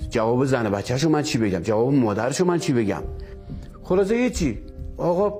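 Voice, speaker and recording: A man's voice: mid-range voice, sing-song, dark tone, soft background music. A man telling a dramatic story emphatically, often repeating his phrases. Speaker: storyteller guest. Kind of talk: animated storytelling.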